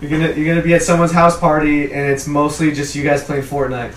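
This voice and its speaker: A man's voice: a little high, flat delivery, quick pace. A young man chatting casually with friends as a podcast co-host, with slangy frat-bro banter. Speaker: podcast co-host recapping a film. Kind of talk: casual chat among friends. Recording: roomy echo, distant mic, faint noise.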